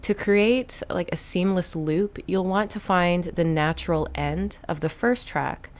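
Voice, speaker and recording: Low-voiced woman explaining a tutorial. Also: unhurried, faint music behind. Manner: plain instructive explaining. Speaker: tutorial host. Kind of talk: step-by-step software tutorial.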